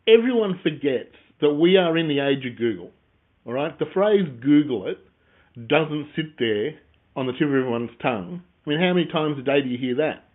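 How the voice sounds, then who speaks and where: A man co-hosting a casual business chat, telling stories in a jokey, animated way. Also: on the high side, a little fast. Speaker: podcast co-host. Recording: phone-like narrow sound.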